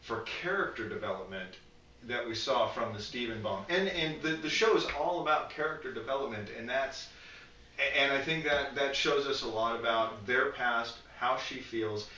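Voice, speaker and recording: A man's voice: medium pitch, moderate pace, roomy sound, distant mic, slight background noise, low-quality recording. A man co-hosting a casual fan discussion, talking with feeling, tripping over and repeating his words. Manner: animated, emotional, stumbles and repeats words. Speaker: podcast co-host.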